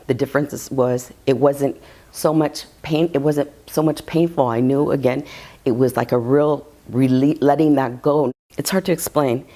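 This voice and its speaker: A woman's voice: very deep voice, mellow. Chatty, giggly woman giving a testimonial. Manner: rambling, chatty, giggly, with many restarts. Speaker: reiki client giving a testimonial. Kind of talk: casual interview testimonial.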